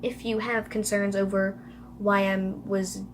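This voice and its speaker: A woman's voice: medium pitch, little pitch movement, a little slow, a little hiss or hum. A woman reading her own childhood story aloud, breaking in with giggly, sarcastic asides. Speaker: YouTuber.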